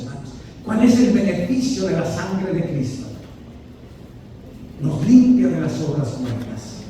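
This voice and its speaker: Male priest, emphatic sermon style, slow delivery, distant mic with a faint hiss. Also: high-pitched, mellow. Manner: emphatic, questions the congregation, keeps saying "hermanos". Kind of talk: sermon to a prayer group. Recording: echoey hall, distant mic, faint background noise.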